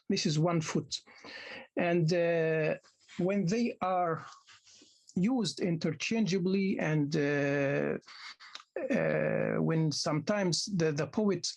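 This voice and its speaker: A man, a native Arabic speaker, lecturing postgraduate students in a halting way, often restarting and repeating words as he explains. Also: high-pitched, creaky, a little mellow, slightly rough. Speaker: university lecturer. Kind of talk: academic lecture.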